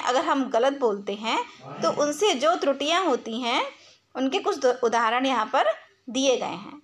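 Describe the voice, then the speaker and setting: A school teacher in a recorded class explains each point slowly and repeats it, posing questions she then answers herself. Her voice is high and a bit bright.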